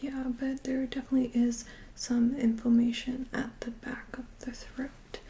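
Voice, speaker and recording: A woman doing a soft, breathy whispered role-play of a medical exam, with a gentle, calm, reassuring nurse-like manner. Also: sits high, moderate pace. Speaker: ASMR performer playing a medical examiner.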